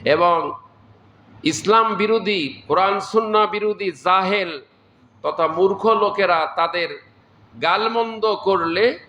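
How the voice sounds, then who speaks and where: A man delivers a deliberate, unhurried sermon, walking through verses one by one. His voice is bright and sits a little high, and he punctuates his points with drawn-out cries of praise. The recording carries the roomy echo of a reverberant space. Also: a little hiss or hum. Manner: exclaims praise often and chants verses slowly. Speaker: preacher. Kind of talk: Bengali sermon explaining Quran verses. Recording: echoey room.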